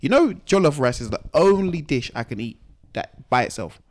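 A man's voice: fairly high pitch, very animated, normal speed, a little mellow. A young man with a London accent in casual banter, insistent and slangy.

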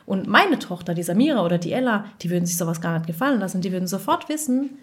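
A woman in her thirties, a dubbing voice actress and mother, chatting casually and telling lively stories with acted-out quotes. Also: mid-range voice, fast. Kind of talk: casual chat.

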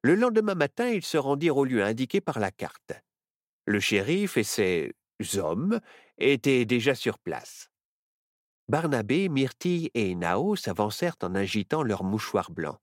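A storyteller reading a children's adventure story aloud with expressive narration. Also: mid-range voice, measured pace, dry recording, clean studio sound.

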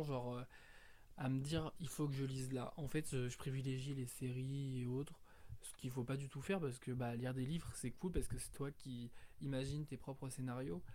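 A man's voice: a little high, dark tone. A man hosting a book podcast, giving a casual review in a rambling way with lots of fillers and self-corrections. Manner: self-deprecating, chuckles at himself.

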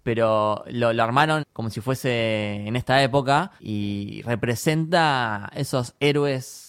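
A man with a Rioplatense accent talks casually as a podcast co-host. He chats in an easy, conversational way and keeps dropping in quick agreement. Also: medium pitch, smooth. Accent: Rioplatense Spanish. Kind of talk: casual chat reviewing a series.

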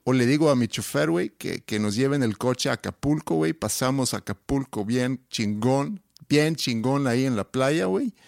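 A man's voice: medium pitch, lively intonation, normal speed, creaky, hardly any pauses, dry recording, studio quality. A man putting on a flashy, partying Mexico City man who talks slangy and drops "güey" constantly. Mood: boastful.

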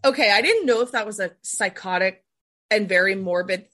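A woman's voice: medium pitch, animated, a little fast, bright, forceful tone. Chatty woman in her thirties. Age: 30s. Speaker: podcast co-host. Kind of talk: casual chat.

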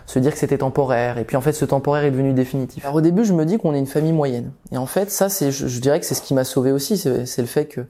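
A man's voice: mid-range voice, rapid-fire, few pauses, dark tone. A man in his twenties telling his own life story in a podcast, hesitant, with many fillers and restarts. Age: 20s. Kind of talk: personal testimony podcast.

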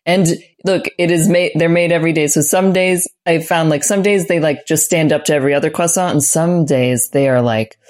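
A woman's voice: sits low, fairly quick, hardly any pauses, darkish tone. A woman, a player on a tabletop game podcast, chatting casually in an earnest, enthusiastic way.

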